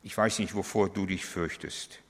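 A man's voice: deep voice, moderate pace, a bit bright. A man preaching a sermon, emphatic and building on key phrases, asking his listeners direct questions. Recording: long hall reverb.

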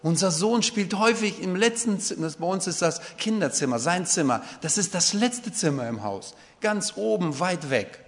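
A man's voice: high-pitched, animated, moderate pace, hardly any pauses. A man preaching a sermon in German, earnest, sometimes rising to fervent pleading. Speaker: pastor. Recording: long reverb of a hall.

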